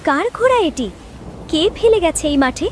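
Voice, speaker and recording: A woman voicing a gentle, plaintive, downtrodden young village wife in a cartoon fairy tale. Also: high voice, very animated, moderate pace, a little hiss or hum. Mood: concerned. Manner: plaintive, tender.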